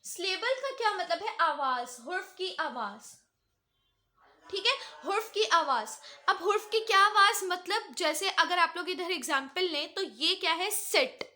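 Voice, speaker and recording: High, bright-voiced woman teaching grammar. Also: animated, measured pace. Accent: Pakistani. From Pakistan. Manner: explains step by step, checks understanding with repeated "okay?". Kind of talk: online classroom lesson.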